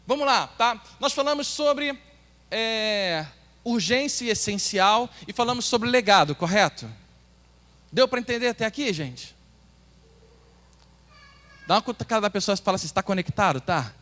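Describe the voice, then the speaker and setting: A Brazilian pastor with a Brazilian Portuguese accent, preaching an earnest sermon and asking the congregation questions. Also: male voice, high voice, expressive, normal speed, pauses often, fairly bright tone. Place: church hall. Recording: long hall reverb.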